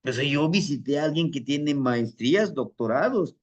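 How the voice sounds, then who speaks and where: A man telling a spiritual teaching story in a calm, reflective way. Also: fairly high pitch, normal speed, dull audio.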